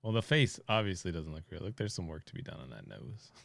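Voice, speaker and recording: Gravelly-voiced man chatting on a podcast. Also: low-pitched, sing-song, a bit bright, no room sound. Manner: upbeat, chatty, quick to laugh. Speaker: podcast co-host. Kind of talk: casual chat.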